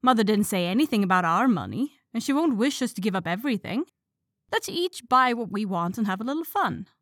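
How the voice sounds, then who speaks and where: A woman's voice: medium pitch, big pitch swings, a little fast, no echo, studio quality, close to an everyday voice. A woman doing blunt tomboy teen Jo. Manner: grumbling, outspoken. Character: bookish tomboyish teenage girl, blunt.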